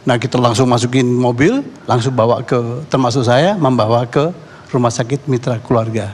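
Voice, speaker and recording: A man from Indonesia recounting what he witnessed as a talk show guest, pausing and restarting his words often. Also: medium pitch, breathy edge, in a large hall. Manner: halting, repeats and restarts words. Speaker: neighborhood head and eyewitness guest. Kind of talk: eyewitness account on a talk show.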